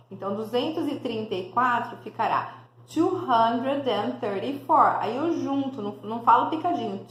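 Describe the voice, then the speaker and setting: A woman with a Brazilian accent, Portuguese her first language, teaching English numbers in a casual online lesson, slow and deliberate, repeating each one. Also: on the high side, a bit bright, reverberant, slight background noise, low-quality recording.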